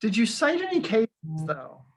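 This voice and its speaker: Husky man with a dry wit. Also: very high-pitched, huge pitch swings, moderate pace, low-quality recording. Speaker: podcast co-host, law teacher. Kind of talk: casual chat.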